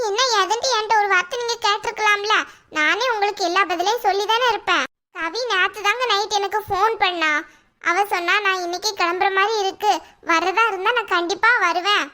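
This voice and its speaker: A woman voicing a defensive, quick-tempered young wife in a cartoon, pleading her case in a Tirunelveli Tamil accent. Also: extremely high pitch, pushed and bright. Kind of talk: cartoon voice acting.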